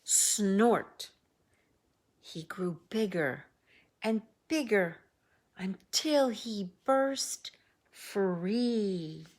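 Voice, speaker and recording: A woman reading a picture book aloud expressively, with drawn-out phrases, casual asides and a breathy, husky voice. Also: medium pitch, expressive, a little mellow. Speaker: storybook reader.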